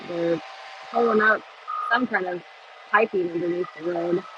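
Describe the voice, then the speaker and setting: A woman's voice: fairly low pitch, normal speed. A woman chatting casually and in a folksy way to her viewers as a livestream host, outdoors beside a construction site. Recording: dull lo-fi mic, loud construction and wind noise. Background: construction site noise, vehicles, wind.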